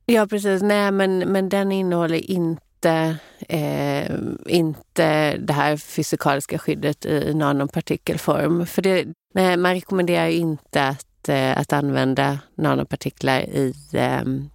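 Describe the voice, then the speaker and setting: A woman's voice: low voice, level tone, vocal fry, few pauses, dry recording, studio quality. A woman co-hosting a casual podcast, earnestly explaining skincare with frequent fillers.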